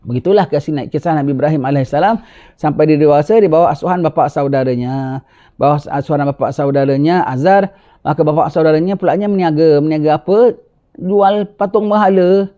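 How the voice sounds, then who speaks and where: A man teaching a religious class who tells a story in an animated way and keeps asking his listeners "ha?" to draw them in. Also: sits high, dull audio. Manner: animated, tags lines with rhetorical "ha?". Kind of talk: sermon storytelling.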